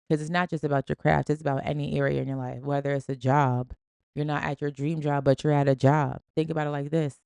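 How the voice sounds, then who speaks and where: A woman's voice: sits low, creaky, warm tone, clean tone, no echo, clean studio sound. A woman hosting a podcast, giving an emphatic, slangy, preachy motivational talk in a casual style. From Springfield. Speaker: podcast host.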